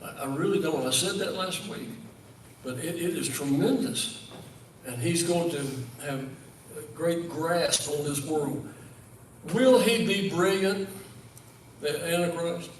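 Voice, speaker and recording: A man leads a Bible study in a church room. He speaks in a slow, measured way, with his voice sitting a little high, and he repeats key words to stress them. He often asks the group questions and confirms their answers. The room is echoey, and he sounds some distance from the mic, with a faint hum in the background. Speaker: pastor teaching a Bible study.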